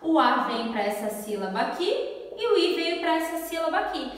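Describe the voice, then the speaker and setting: A woman with a high voice and a Brazilian Portuguese accent teaches at the board, patient and friendly, drawing words out slowly when she spells them. She is picked up from a distance in a strongly echoing room. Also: big pitch swings. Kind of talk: classroom lesson at a whiteboard. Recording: echoey room, voice from far off.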